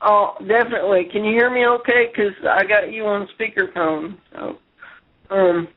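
High-voiced male host on speakerphone. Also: fairly even intonation. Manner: loose, filler-heavy, halting. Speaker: internet radio host. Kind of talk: casual call-in show hosting. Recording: tinny speakerphone audio.

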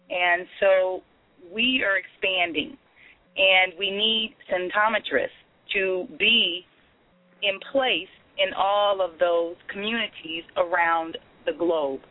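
A woman calling in to a radio show over a phone line, speaking earnestly and encouragingly, with frequent pauses on "um". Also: on the low side. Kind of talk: promotional call-in pitch. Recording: tinny phone-line call.

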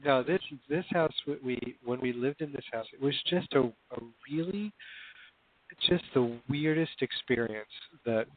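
A man's voice: medium pitch, a little slow. Man on a crackly, static-filled phone line. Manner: hesitant, with many fillers and restarts. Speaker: guest. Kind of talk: phone-in radio interview.

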